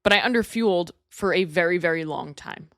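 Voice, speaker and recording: Chatty and candid, this thirtysomething New Yorker runs her podcast solo, sprinkling in casual fillers like "like" and making self-deprecating jokes. She speaks fairly quickly in a fairly low voice, with clean studio sound and no room noise.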